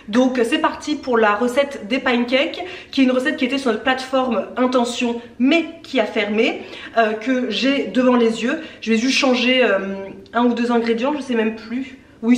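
A woman in her thirties in her home kitchen, chatting casually as she shows a breakfast recipe step by step, with many fillers. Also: fairly high pitch. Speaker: cooking vlogger. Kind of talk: casual cooking demonstration. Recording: echoey kitchen with faint noise.

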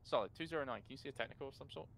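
Guy barking orders at his crew on headset, mid voice, loud engine rumble behind. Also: gravelly. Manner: brisk, commanding, sweary. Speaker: vehicle commander. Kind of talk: gameplay team radio chat.

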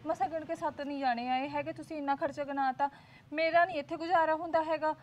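A woman playing a stubborn young city-bred daughter-in-law in a Punjabi short film, insistent and complaining. Her voice sits very high. The recording is dull and lo-fi. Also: fairly even intonation, quick pace, a little mellow, close to an everyday voice.

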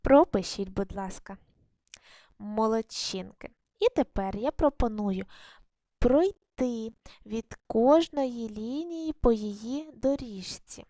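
A woman's voice: on the high side, animated, slow pace, mellow, dry recording. Patient woman teacher, dry close voice. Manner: patient, step-by-step instructions with praise. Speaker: primary school teacher. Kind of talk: video lesson teaching handwriting.

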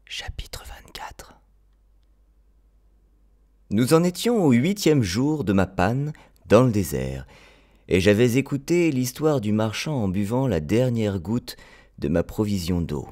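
A man narrating an audiobook in an expressive storytelling manner. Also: lowish voice, measured pace. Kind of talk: audiobook reading.

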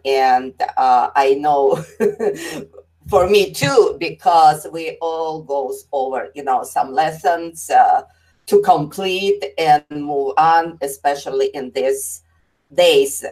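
A woman's voice: very deep voice, a little mellow. A woman from Russia with a Russian accent, talking conversationally as a guest healer on an online call. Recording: distant mic on online call.

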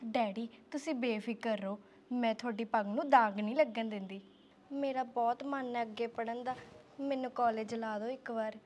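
Earnest young Punjabi daughter, played by a young woman; imploring, slightly high voice. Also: steady tone, moderate pace, a little mellow, slight background noise, close to an everyday voice. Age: young adult. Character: young village daughter eager to study. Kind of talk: village drama acting.

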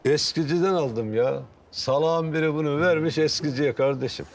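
Dude playing a brash stubborn guy bragging bout his jacket, highish voice, sitcom. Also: moderate pace, soft background music, close to an everyday voice. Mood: boastful. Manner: brash, stubborn, laughs at others. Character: boastful, stubborn man who bought a secondhand jacket. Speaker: sitcom character. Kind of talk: comedy series acting.

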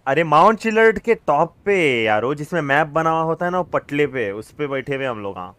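A man playing a police officer in a role-play game, bossy and excitable as he leads his team. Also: on the high side, normal speed, smooth, dry recording. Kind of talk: casual role-play banter.

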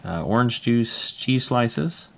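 A man's voice: medium pitch, animated, slow pace, gravelly, fairly bright tone, a little hiss or hum. A man, a parent, casually showing his toy-brick model off camera, listing items with many fillers. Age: adult parent. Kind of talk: casual show-and-tell. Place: indoors at a table.

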